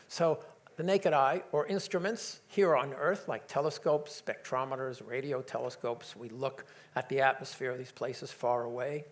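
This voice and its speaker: A male lecturer gives a public science talk at a moderate pace, his medium-pitched voice steady in tone. He is enthusiastic and jokes around, hesitating often and using many fillers.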